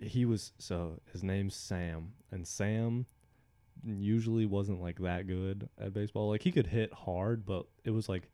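A young man in casual chat, telling a story with energy and acting out the shouts. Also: lowish voice, unhurried. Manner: animated storyteller, acts out shouts.

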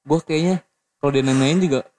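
A man, a podcast guest in casual chat who drops deadpan jokes in slang. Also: a little high, a little fast. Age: 20s.

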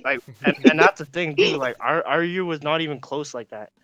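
This late-teen Canadian guest on a podcast chats in a relaxed, rambling way, full of slang and fillers such as "like" and "bro." His voice is fairly high, bright and forceful, and a little fast. The audio is poor, with no room sound.

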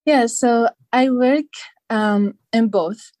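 A woman's voice: fairly high pitch, slow, mellow, no room sound. A young woman from Lebanon, a guest on an interview podcast, explaining her studies thoughtfully with many fillers. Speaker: guest, PhD candidate. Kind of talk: casual interview.

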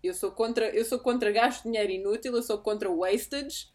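High-voiced young Portuguese woman, opinionated. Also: fairly quick, darkish tone. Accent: European Portuguese. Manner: opinionated, slangy, code-switching into English. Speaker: podcast co-host. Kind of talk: casual chat with slang.

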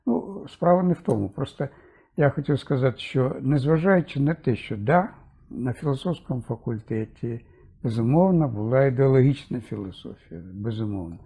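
Gravelly, husky older man lecturing. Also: medium pitch, expressive, moderate pace, warm tone. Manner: thoughtful, fond of asides and 'да?' checks. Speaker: philosophy lecturer. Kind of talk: conversational discussion.

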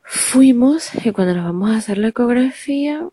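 A woman's voice: fairly high pitch, normal speed, slightly rough, dry recording. A woman with a Venezuelan accent and a nasal, stuffed-up voice tells a personal story casually, swearing and using lots of slang. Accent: Venezuelan Spanish. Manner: profane, animated storytelling full of slang. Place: under a quilt at home.

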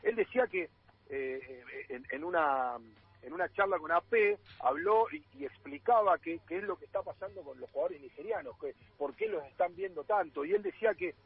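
A man's voice: high-pitched, expressive, normal speed, husky. A man with an Argentine accent, a radio sports columnist explaining things in a panel talk, with many fillers and restarts. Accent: Argentine Spanish. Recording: muffled, phone-like line.

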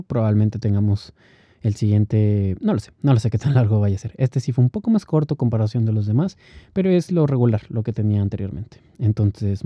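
A man's voice: medium pitch, mellow, no echo, lo-fi sound. A young man talking casually on his solo podcast, laughing often and slipping in English phrases. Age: young adult. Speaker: podcast host.

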